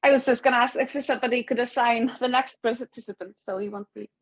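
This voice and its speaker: An Icelandic woman with a gravelly, fry-tinged voice introduces herself on a video call. Her sound is dry and close. She talks hesitantly, with small fillers along the way. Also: a little high, steady tone, quick pace, dry recording. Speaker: fab lab director.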